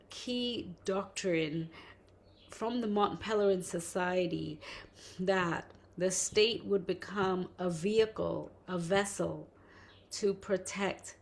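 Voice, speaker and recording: A middle-aged woman who grew up in Indonesia, thinking aloud in an interview and stringing ideas together in long chains. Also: on the low side. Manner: thoughtful, lists terms in long chains. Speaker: interviewee, debt justice researcher. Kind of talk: reflective interview talk.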